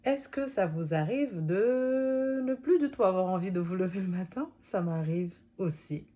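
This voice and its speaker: A woman in her thirties who isn't a native French speaker presents a book summary, chatting straight to viewers in a casual talk to camera. Her mid-range voice is animated, mellow, and a little slow. She's chatty and laughs often.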